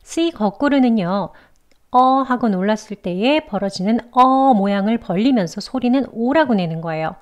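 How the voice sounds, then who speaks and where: A woman teaching English pronunciation, explaining mouth and tongue positions clearly and patiently, step by step. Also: fairly high pitch, expressive, moderate pace, a little mellow. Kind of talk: instructional lesson narration.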